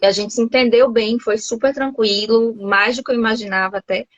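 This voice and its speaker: A woman's voice: on the high side, fairly even intonation, a little fast, no echo, highs cut off. A woman from Brazil chatting casually over a video call, laughing often and restarting her sentences. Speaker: host, English teacher living abroad.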